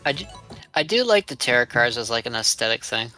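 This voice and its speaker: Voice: mid-range voice, big pitch swings, brisk, sharp tone, soft background music. A guest chatting on a game stream, curious and playful, asking questions. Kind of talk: casual chat over a game stream.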